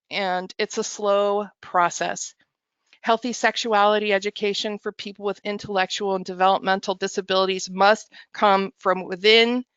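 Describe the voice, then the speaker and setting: A woman gives a prepared talk with earnest emphasis. Her voice is crisp and smooth, at a middling pitch. The recording is very dry, with a slightly dull tone. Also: fairly bright tone, dry recording. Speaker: presenter introducing other speakers. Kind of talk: prepared advocacy presentation. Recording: muffled, dry audio.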